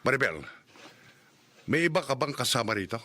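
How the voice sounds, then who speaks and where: A man's voice: mid-range voice, big pitch swings, normal speed, sharp tone. An actor playing a concerned, probing watchman who questions firmly, in old radio show acting. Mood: suspicious, concerned. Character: concerned, probing male guard questioning a woman.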